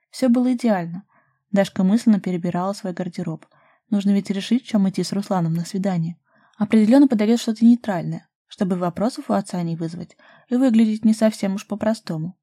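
A woman narrating a romance audiobook in an even, expressive storytelling voice. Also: mid-range voice, no echo, studio quality.

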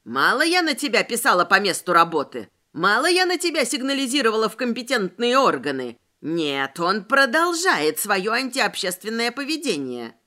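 A woman reading a storybook aloud, voicing a loud, bossy middle-aged neighbour woman who rants indignantly. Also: big pitch swings, moderate pace, few pauses. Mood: indignant ranting. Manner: booming, indignant ranting.

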